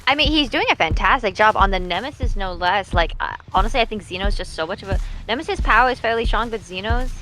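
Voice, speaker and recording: A woman of middle pitch co-casts a game live in a wry, teasing tone. Clear game music runs under her voice. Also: lively intonation, quick pace, hardly any pauses, bright, forceful tone. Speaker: esports co-caster.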